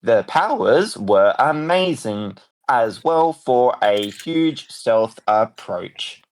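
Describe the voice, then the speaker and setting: A deadpan male AI robot, speaking slow and flat in a plain mid-pitched voice, as a man puts it on. It drops in beeps and boops in a casual podcast setting. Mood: robotic.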